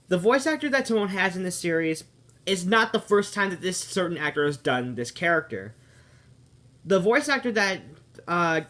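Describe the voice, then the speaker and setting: A man with a high voice talks through a casual review of a cartoon. He rambles and keeps stopping mid-sentence to correct himself. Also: fairly bright tone. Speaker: video reviewer.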